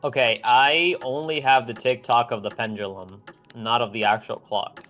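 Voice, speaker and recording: A man playing a co-op puzzle game, talking hesitantly with lots of pauses and restarts. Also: mid-range voice, fairly even intonation, a bit bright, faint music behind. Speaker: co-op partner. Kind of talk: casual co-op game chat.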